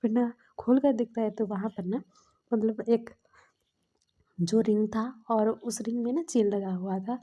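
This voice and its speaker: A woman's voice: fairly high pitch, steady tone, unhurried, warm tone, lo-fi sound. A woman casually retelling a love story in a chatty way, full of fillers.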